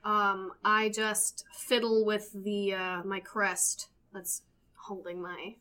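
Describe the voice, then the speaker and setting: A woman's voice: medium pitch, flat delivery, takes it slowly, sharp tone. A woman playing a tabletop game, casually describing her actions and speaking in character. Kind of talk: casual in-character role-play.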